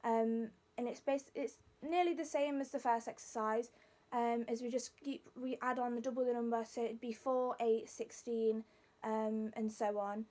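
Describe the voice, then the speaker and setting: A woman's voice: a little high, steady tone, normal speed, hardly any pauses, a little mellow. A young woman with a Leicester accent informally explaining exercises to camera as a student. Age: young adult. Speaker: singing student demonstrating vocal warm-ups.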